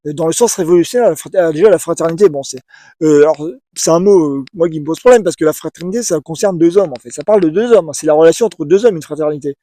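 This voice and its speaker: A man talks through his ideas in a casual, halting way, repeating words and restarting his sentences as he goes. His voice sits a little high but sounds mellow and soft-edged. The recording is dry and close. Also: dry recording. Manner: hesitant, many repeated words and restarts, often asks "vous voyez?". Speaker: video essayist. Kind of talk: casual spoken commentary to camera.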